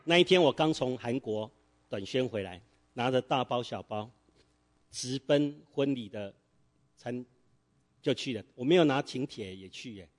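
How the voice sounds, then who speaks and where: A man's voice: mid-range voice, animated, normal speed, long pauses. A middle-aged man preaching a sermon in church, telling a story and quizzing the congregation with fill-in-the-blank questions.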